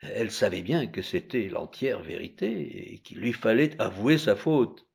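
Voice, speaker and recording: A man narrating a story in a calm, even telling. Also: on the low side, measured pace, gravelly, breathy edge. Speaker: reader.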